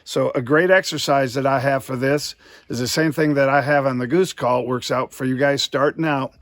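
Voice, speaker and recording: A man with a mid-pitched voice gives an informal instructional talk. He explains each step in a folksy, plainspoken way, as a hands-on instructor demonstrating technique. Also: steady tone, brisk, no room sound. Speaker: duck calling instructor.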